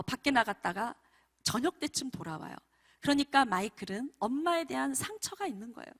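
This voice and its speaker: A woman missionary preaching a sermon, telling a personal story in an animated way and often turning to address the congregation directly. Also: fairly high pitch. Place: church prayer meeting.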